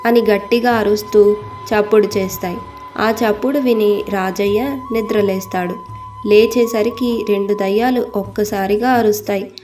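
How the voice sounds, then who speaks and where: A woman narrating a children's cartoon story in a steady storytelling voice. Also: mid-range voice, normal speed, soft background music.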